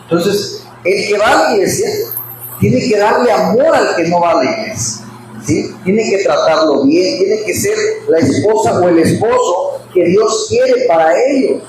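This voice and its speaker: A male pastor preaching an animated sermon. He keeps questioning the congregation and laughs often. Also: sits high, a little slow. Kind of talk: expository sermon at a Bible study. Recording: very echoey church hall with background noise.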